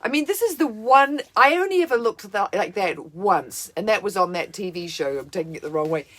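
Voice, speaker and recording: A woman in her fifties from New Zealand, with a New Zealand accent, co-hosts a casual chat. A former actress with a medium-pitched, brisk voice, she tells animated stories and laughs as she goes.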